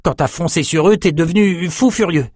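An excitable young fighter who swears and gushes, his voice pushed up high, as a male narrator puts him on. Dry, close recording. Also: normal speed, no echo, lightly acted. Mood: excited. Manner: excitable, crude.

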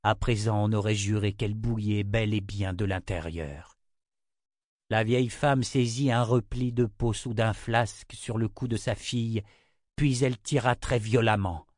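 A man narrating a dark fantasy audiobook in a steady, measured way. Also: on the low side, no echo, clean studio sound.

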